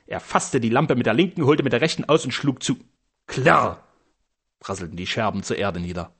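A man reading a story aloud as narrator, with expressive storytelling. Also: medium pitch, fast, breathy edge. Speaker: audiobook narrator. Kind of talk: scripted narration.

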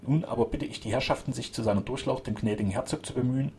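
A man's voice: medium pitch, fast, warm tone, close to an everyday voice. A pompous small-town mayor full of his office's dignity, voiced by a man reading aloud. He speaks in a formal, officious way. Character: pompous middle-aged small-town mayor, self-important.

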